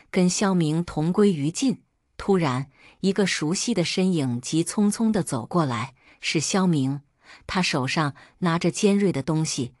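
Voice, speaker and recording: 一位女性用第一人称朗读情感故事，讲述富有戏剧感。. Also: female voice, on the low side, darkish tone, dry recording, studio quality. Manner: dramatic storytelling. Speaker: narrator. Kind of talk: first-person audiobook narration.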